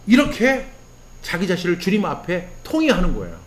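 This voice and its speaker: A man's voice: sits high, a little fast, slight background noise. A man preaching a sermon as pastor, asking the listeners questions and acting out quoted prayers and complaints. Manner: acts out quoted prayers and grumbling in lively voice; asks the listeners questions and answers them.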